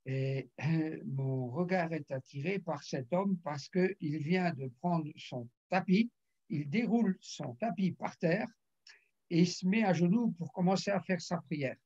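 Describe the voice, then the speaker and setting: A pastor in his later years tells a testimony from the pulpit, acting out each exchange and often clearing his throat. His voice sits a little high, gravelly and husky. The recording sounds muffled and lo-fi. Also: a little slow, darkish tone. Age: older. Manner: storytelling, acts out dialogue, frequent throat clearing. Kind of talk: sermon testimony.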